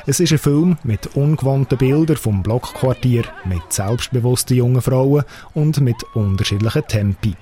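A man with a mellow voice and a Swiss German accent narrates a scripted radio review. His pitch is average, and faint music plays behind him. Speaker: radio film critic.

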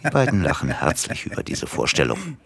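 A man narrating a radio drama in a calm, measured storytelling voice. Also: rumbling low, vocal fry, breathy edge.

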